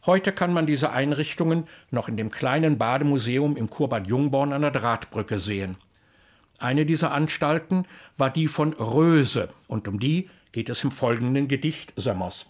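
A man's voice: medium pitch, lively intonation, normal speed. Man reciting poems. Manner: rhythmic, rhyming delivery in dialect. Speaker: reciter of dialect poetry. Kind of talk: poetry recitation with spoken introductions.

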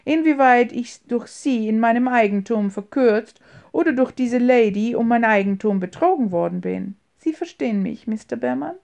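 A woman voicing a brash, scornful American heir in an audiobook reading, loud and mocking, with English words mixed in. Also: on the high side, lively intonation, moderate pace, gravelly, dull audio. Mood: menacing.

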